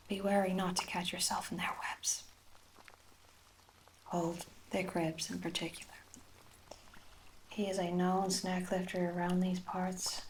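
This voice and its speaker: A woman with an Irish accent in a soft ASMR role-play, playing a gentle, attentive hair sorcerer with old-fashioned storybook phrasing. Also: on the low side, a little hiss or hum, rough recording. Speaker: ASMR performer.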